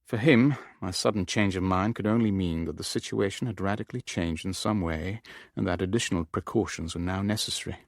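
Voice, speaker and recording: Here the weary, shrewd shipping owner, narrator and lead of this radio drama about his spy ordeal, speaks low and a little fast with a creaky texture and few pauses. The studio-quality recording has no room sound. Grave and reflective, he moves between first-person narration and dialogue.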